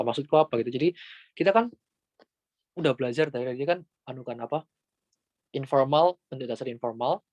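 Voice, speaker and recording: A man's voice: medium pitch, darkish tone, dry recording. A man giving a casual, chatty Japanese grammar lesson, full of fillers and asides to his students. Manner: chatty, informal, many fillers like "gitu". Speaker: Japanese language tutor.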